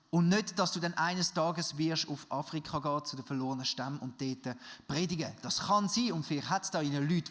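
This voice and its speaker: Swiss guy preaching, fairly high voice, goes loud then real quiet, big echoey church hall. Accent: Swiss German. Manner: emphatic, swings from loud urging to soft quiet. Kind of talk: sermon. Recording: long reverb of a big hall.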